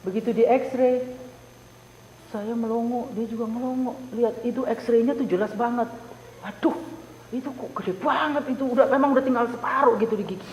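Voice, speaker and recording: A woman giving an animated personal testimony to a group, repeating words for emphasis as she tells the story. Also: on the high side, normal speed. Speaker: Bible study member giving a testimony. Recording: roomy hall reverb, faint hiss.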